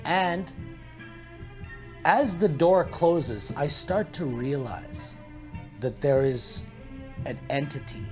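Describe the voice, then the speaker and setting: A man's voice: on the high side, lively intonation, slow, pauses often, over music. A young man telling a comic story in a playful, mock-dramatic way. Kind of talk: comedic storytelling monologue.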